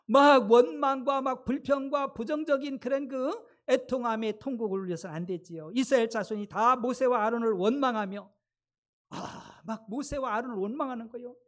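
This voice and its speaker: A woman pastor delivering a sermon, emphatic and speaking straight to her congregation. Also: a little high. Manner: emphatic, addresses the congregation directly.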